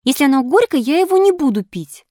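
Storybook: woman playing a bratty puppet boy, pitched very high, wheedling and shrill. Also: very animated, quick pace, mellow, no echo, studio quality. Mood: whiny. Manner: whining, pleading, shrill. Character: whiny, stubborn wooden boy puppet. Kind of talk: storybook reading.

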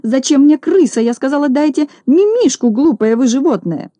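A woman's voice: sits high, expressive, a little fast, dark tone, dry recording, voice pushed up. A woman voicing a haughty, fussy rich lady in an audiobook, shrieking and scolding melodramatically. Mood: indignant. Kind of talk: audiobook character reading.

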